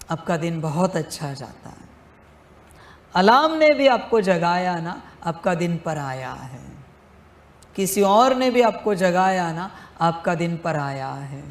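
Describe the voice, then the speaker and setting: Slow, fatherly high-voiced male spiritual teacher. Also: reverberant. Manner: fatherly, addresses listeners as children; slow, deliberate, repeats phrases for emphasis. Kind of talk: devotional discourse.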